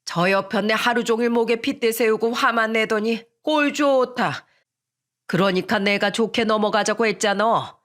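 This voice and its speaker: A woman's voice: a little high, normal speed, a bit bright, natural voice. A woman voicing a weary older father-in-law who sighs and grumbles. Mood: grumbling. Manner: sighing and grumbling.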